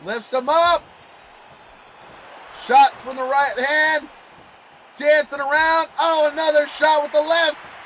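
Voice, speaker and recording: A man calling play-by-play as a wrestling commentator, excitable and exclamatory in his delivery. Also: very high-pitched, takes it slowly, long pauses, a little hiss or hum, poor audio.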